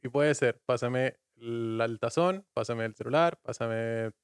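A man's voice: mid-range voice, unhurried, smooth, dry recording, clean studio sound. A man in his twenties with a Chilean accent, a guest explaining slang in casual chat with playful examples. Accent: Chilean Spanish. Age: 20s.

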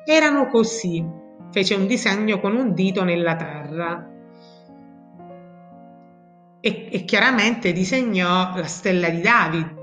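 A woman's voice: lowish voice, unhurried, few pauses, a bit bright. Woman reading a novel aloud, echoey. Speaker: reader. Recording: echoey room with background music.

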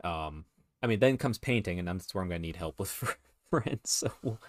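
A man co-hosting a podcast, chatting casually, rambling with restarts and quick laughs. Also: low voice, lively intonation, no room sound. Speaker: podcast co-host. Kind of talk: casual chat.

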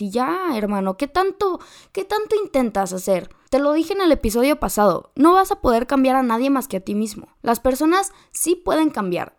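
A woman's voice: a little high, vocal fry, darkish tone. A woman with a Mexican accent, hosting a podcast and giving direct, slangy advice straight to the listener. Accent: Mexican Spanish. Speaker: podcast host. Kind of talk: motivational advice monologue.

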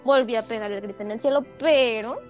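A young woman chats on a podcast, her voice sitting high and bright as she retells a story with animated, dramatic flair. Faint music plays softly behind her. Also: a little fast. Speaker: podcast co-host. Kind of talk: casual chat, personal storytelling.

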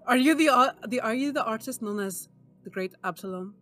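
A woman's voice: fairly high pitch, brisk, fairly bright tone, faint music behind, lightly acted. A woman voicing an invisible adventurer as an unearthly, disembodied voice, questioning hesitantly in a tabletop game. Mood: eerie questioning.

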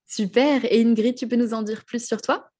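A woman hosts a podcast interview in a warm, slightly breathy voice. She asks questions and affirms with short, friendly replies. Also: a little high, fairly even intonation, normal speed. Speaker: podcast host, speech therapist.

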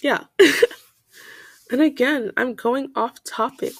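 Young woman, home podcast host: scattered rambling, laughing often, stuffy nose, slight vocal fry, dry close mic. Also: sits high, slow, no echo. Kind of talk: casual rambling monologue. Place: bedroom.

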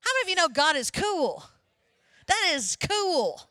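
A woman pastor preaching a sermon in a lively, conversational way, often turning to ask the congregation questions. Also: very high voice, moderate pace, no room sound.

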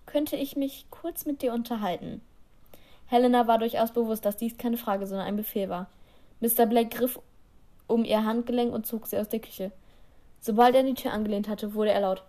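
A woman's voice: a little high, steady tone, brisk, warm tone. A woman reading her own fan fiction aloud on a podcast, then chatting casually with fillers. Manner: chatty, filler-heavy outro. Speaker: podcast storyteller.

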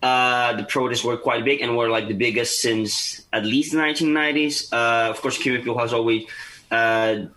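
Bright-voiced young Venezuelan man. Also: medium pitch, steady tone, normal speed, low-quality recording. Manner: earnest, many fillers and restarts. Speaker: guest. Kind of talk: podcast interview.

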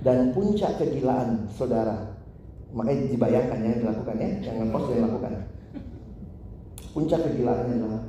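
A man preaching a sermon, storytelling in an animated way and asking the audience questions, in an echoey church hall. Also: medium pitch, fairly quick, pauses often, slight background noise.

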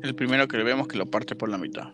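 A man casually retelling a horror film's plot as a podcast co-host, animated, with sound effects and filler words. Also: mid-range voice, quick pace, over music. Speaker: podcast co-host recapping a film. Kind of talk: casual chat.

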